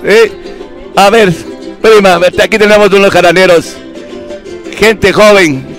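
A man's voice: sits high, unhurried, fairly bright tone. A man reporting live at an outdoor town festival, chatting in a playful, easygoing way. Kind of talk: live on-the-street chat. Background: live folk music.

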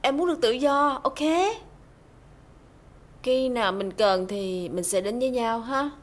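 A woman's voice: on the high side, a little slow, close to an everyday voice. A young woman playing a carefree character in a TV drama, speaking in a breezy, teasing way. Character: carefree young woman brushing off her partner. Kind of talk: TV drama acting.

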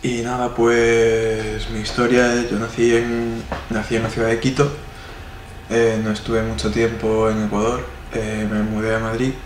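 Speaking a little slowly in a completely flat, lowish voice, a twentysomething artist from Spain rambles through interview answers full of fillers and carries a Spanish accent. The indoor room sounds echoey and noisy.

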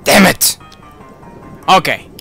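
A young man giving excitable let's-play commentary, yelling, taunting and cursing at enemies as he plays. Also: takes it slowly, faint music behind. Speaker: gaming YouTuber.

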